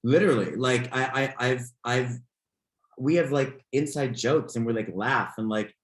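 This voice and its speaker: A man's voice: medium pitch, unhurried, echoey room. A man guesting on an interview podcast, talking casually and rambling with many restarts and fillers. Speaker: podcast guest, fitness instructor.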